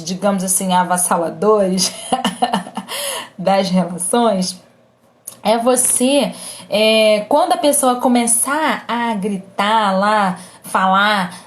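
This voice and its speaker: A woman with a Brazilian Portuguese accent giving casual advice to her viewers in a gentle, reassuring way, often pausing on fillers and checking that they follow. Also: medium pitch. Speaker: presenter giving family advice.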